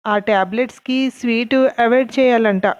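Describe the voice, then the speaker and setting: A woman voicing a frightened young wife who speaks in a nervous, hurried way while hiding her fear. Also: fairly high pitch, smooth, close to an everyday voice.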